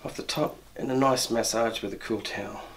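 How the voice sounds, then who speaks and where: A man's voice: medium pitch, fairly even intonation, fairly quick, a little hiss or hum. Middle-aged male barber, mid-range voice, hands-on instructional patter with lots of self-corrections, recorded on a lapel mic in a shop. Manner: explains while working, frequent restarts and repeated words. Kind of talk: step-by-step grooming demonstration.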